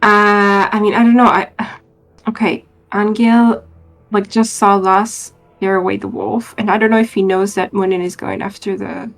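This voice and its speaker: A woman's voice: medium pitch, little pitch movement, normal speed, creaky. Woman chatting casually at game table.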